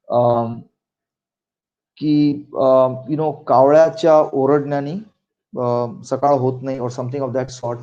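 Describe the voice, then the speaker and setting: A man's voice: a little high, dark tone, dull audio. A middle-aged man with a Marathi Indian accent, giving career advice through anecdotes in an emphatic, conversational way, repeating phrases for stress. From Maharashtra, India. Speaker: interview guest, senior corporate executive.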